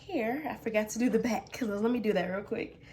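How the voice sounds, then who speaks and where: A young pregnant beauty vlogger chats casually while oiling her hair at her home vanity indoors. Her voice is a little high, a little fast, darkish in tone, and nasal and congested. She rambles, using lots of fillers and restarts.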